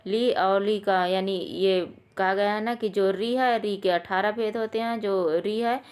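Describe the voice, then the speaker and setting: A woman's voice: medium pitch, fairly even intonation, a little slow, a little mellow, clean tone. A woman teaching a Sanskrit exam lesson, patiently explaining and repeating key points while addressing viewers as friends.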